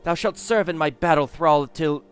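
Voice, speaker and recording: A man voicing a woman possessed by a fiend's tongue, in an imperious, archaic dark-lord manner for a game. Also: on the high side, normal speed, smooth, faint music behind, pitched above the performer's own voice, lightly acted. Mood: menacing, gloating.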